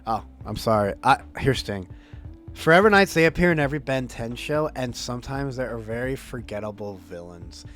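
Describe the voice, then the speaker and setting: Sex: man. Pitch: middle. Style: casual podcast chat. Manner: relaxed, agreeable. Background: faint music. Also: brisk. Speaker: co-host.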